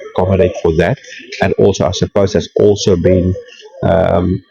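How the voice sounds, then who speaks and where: Guy hosting a podcast from a coffee shop, super deep stuffy flu voice, kinda dull lo-fi sound. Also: darkish tone. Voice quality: deep, husky from a cold. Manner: explanatory, asks rhetorical questions. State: congested with a flu. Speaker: podcast host. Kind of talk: casual talk to camera.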